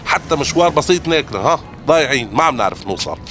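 A man's voice: on the high side, expressive, racing, fairly bright tone, slight background noise. A middle-aged man with a Levantine Arabic accent playing a weary displaced father and former lawyer, hesitant and apologetic.

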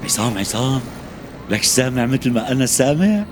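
Man doing a consoling buddy, levantine arabic accent, bouncy up-and-down voice, quick, music going behind. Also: medium pitch, expressive, lightly acted. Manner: consoling, brotherly. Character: loyal friend, cheerful consoling companion.

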